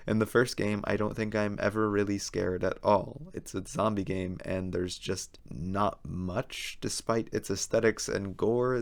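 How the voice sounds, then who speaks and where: Speaking in a lowish register, this man hosts a video essay full of casual, opinionated remarks. Hoarseness wears at his voice, like he's on the verge of losing it.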